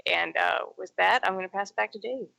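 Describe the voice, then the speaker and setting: A woman player in a tabletop game chatting casually, soft-spoken and hesitant. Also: medium pitch, a little fast, vocal fry, noisy background. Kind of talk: casual out-of-character chat.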